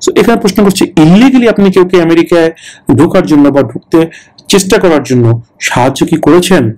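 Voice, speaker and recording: A man with a Bengali accent teaching citizenship interview questions, reading English phrases slowly and explaining them quickly. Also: a little high, animated, darkish tone, low-quality recording. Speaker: citizenship test tutor. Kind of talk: bilingual language lesson.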